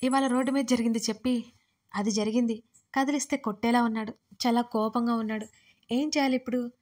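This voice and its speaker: A woman's voice: a little high, steady tone, a little fast, darkish tone, lightly acted. A woman voicing a worried young newlywed who turns snappy and sarcastic with her friends. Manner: anxious, then snappy and sarcastic.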